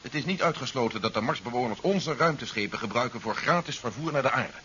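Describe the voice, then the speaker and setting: General Stevens, crisp, bright-voiced and resolute. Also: male voice, medium pitch, animated, quick pace. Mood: firm, persuasive. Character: resolute, coolly calculating male army general. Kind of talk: 1970s science fiction radio play acting. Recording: dull 1970s radio recording with hiss.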